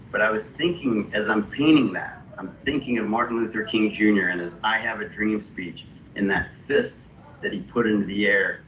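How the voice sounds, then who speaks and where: A lowish man's voice heard over a video call, thoughtful, stopping and restarting as he explains his artwork. The sound is muffled and dull, with a faint hiss underneath. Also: fairly bright tone. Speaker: illustrator. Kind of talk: walking through his artwork.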